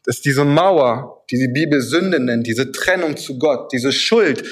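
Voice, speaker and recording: A man's voice: medium pitch, a little slow. A man preaching a sermon, speaking emphatically and addressing the listener directly with repeated phrases and a vivid illustrative story.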